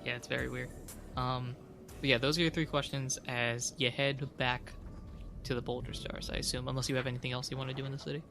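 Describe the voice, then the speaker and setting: A man with a bright, forward voice narrating a tabletop game as game master. He talks in a relaxed, loose way and fills gaps with frequent ums. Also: mid-range voice, fast talker, vocal fry, soft background music. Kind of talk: casual actual-play narration.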